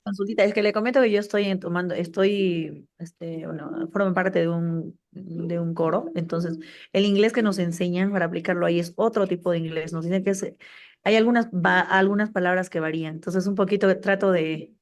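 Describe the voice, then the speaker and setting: A woman's voice: on the low side, fairly even intonation, brisk. A woman student in an online class, asking a question hesitantly with many restarts.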